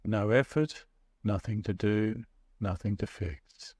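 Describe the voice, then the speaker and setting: Male meditation guide, very slow measured delivery, soothing, recorded close and dry with no room sound. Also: on the low side, a little mellow, breathy edge, no room sound. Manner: measured, soothing, pausing between short phrases.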